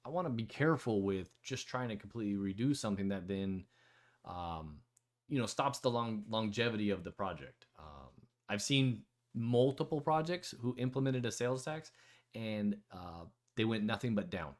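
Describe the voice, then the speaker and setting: Guy hosting a voice chat, lowish voice, rambly, lots of ums and restarts. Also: lively intonation, moderate pace. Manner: rambling, loose, with many fillers and restarts. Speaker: host of a community AMA. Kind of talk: casual online voice chat.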